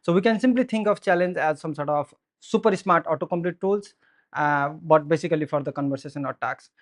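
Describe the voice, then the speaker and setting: A Nepali man in his thirties, a software engineer, gives a tech presentation at a meetup, speaking into a handheld mic in an indoor room with an audience. His voice is fairly high and a little fast, with a Nepali accent. He sounds earnest and explanatory, filling his talk with lots of "so" and "uh."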